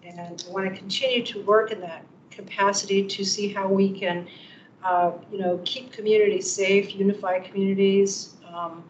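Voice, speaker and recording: A woman commissioner introducing herself at a public meeting, hesitant and full of pauses. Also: medium pitch, steady tone, a little hiss or hum. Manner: hesitant, many ums. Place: council meeting room. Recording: echoey room, dull sound.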